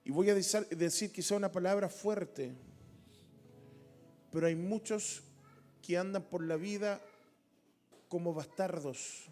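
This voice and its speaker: A man's voice: high voice, measured pace, long pauses, darkish tone, soft background music. A man with a Chilean Spanish accent teaching a Bible study, emphatic and rising to impassioned calls.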